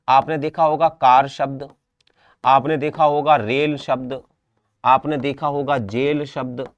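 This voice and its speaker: Teaching exam prep, this young man from India speaks with a Rajasthan Hindi accent in a smooth, medium-pitched voice. The sound is lo-fi. His style is repetitive: he goes over every word again and again and pauses to confirm comprehension.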